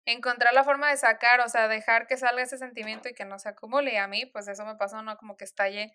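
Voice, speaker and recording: A woman's voice: on the high side, steady tone, quick pace, bright, forceful tone, smooth. A young woman telling stories in a casual chat, full of fillers and laughs. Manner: chatty storytelling with frequent laughs and fillers.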